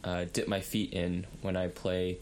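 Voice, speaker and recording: A man's voice: low-pitched, monotone, unhurried, darkish tone, a little hiss or hum. A young man from Canada, talking in a hesitant way with many fillers during a casual discussion. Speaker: podcast co-host.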